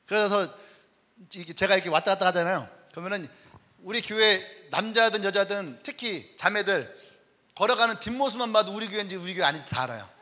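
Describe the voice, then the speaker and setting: Recounting army stories in his Wednesday sermon, this high-voiced pastor performs the quoted voices and laughs frequently. His animated telling echoes through the church sanctuary with a long reverb tail.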